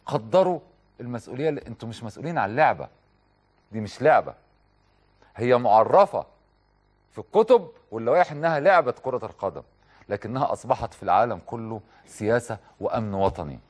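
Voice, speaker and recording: A man's voice: mid-range voice, lively intonation, fast. A man with an Egyptian accent hosting a TV talk show, delivering an impassioned studio monologue full of rhetorical questions and direct appeals.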